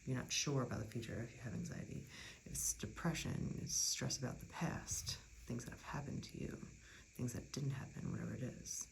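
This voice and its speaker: A tarot reader talking through a card spread in a chatty, reassuring way, often dropping into soft near-whispers. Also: medium pitch, fairly even intonation, a little fast, creaky, rough recording. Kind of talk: casual tarot reading.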